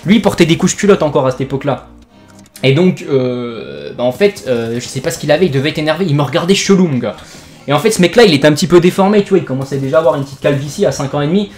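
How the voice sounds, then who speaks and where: A man's voice: a little high, sing-song, rapid-fire, darkish tone. A young man from France, a gaming YouTuber, tells a made-up joke story over gameplay in rambling, jokey slang full of fillers.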